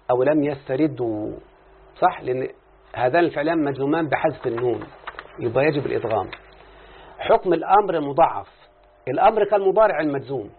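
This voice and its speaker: A man with an Egyptian Arabic accent and a fairly high, slightly rough voice delivers a classroom grammar lesson. He explains with examples and often confirms the listener is following, captured in a muffled lecture recording that sounds like a phone.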